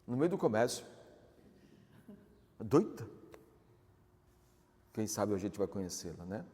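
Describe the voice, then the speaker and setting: Male pastor, Brazilian accent, animated chatty sermon, long church reverb. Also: fairly low pitch, takes it slowly. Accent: Brazilian Portuguese. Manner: conversational, asks the audience questions.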